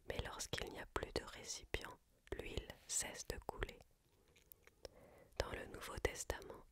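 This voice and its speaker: In the style of an ASMR book reading, the reader speaks entirely in a hushed, unvoiced library whisper. Each phrase comes out one at a time, very slowly and measured.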